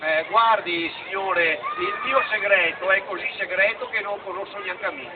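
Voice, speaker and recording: A man voicing a cheeky, cowardly, silly puppet clown in a squeaky, shrill voice at a children's show. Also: wildly swooping pitch, moderate pace. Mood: timid pleading. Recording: tinny, noisy, distant outdoor crowd recording.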